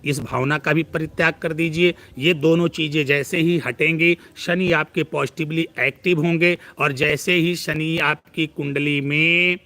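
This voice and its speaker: A male astrologer speaks on a live stream, earnest and preachy. His voice sits a little high for a man. He piles up long runs of words and repeats his advice to press it home. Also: fairly even intonation, a little slow, hardly any pauses, bright, forceful tone.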